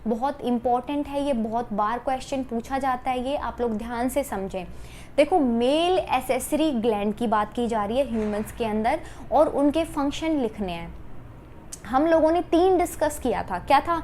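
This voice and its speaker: A young woman teaching a biology exam-prep lesson. She asks questions and answers them herself, reading English question text slowly before explaining it again in Hindi mixed with English. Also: high voice, darkish tone, slight background noise.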